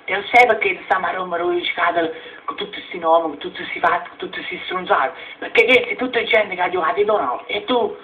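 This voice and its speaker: A man's voice: high-pitched, fast. A man voicing a pushy, foul-mouthed young man with a Neapolitan accent, firing insistent questions in a comic amateur dub. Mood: nagging. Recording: muffled, noisy lo-fi home dub, distant.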